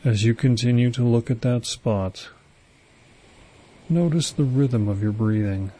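A man guiding a hypnosis induction, speaking slow, soothing, repetitive suggestions. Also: medium pitch, warm tone.

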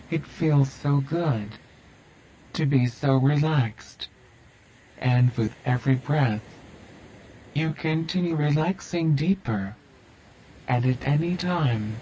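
A man leads a hypnosis session, drawing out each phrase in a slow, soothing, repetitive cadence. His voice sits a bit high for a man but has a mellow, warm tone. The recording is dull and lo-fi, with a faint hum of ambience behind him. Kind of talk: guided hypnosis induction.

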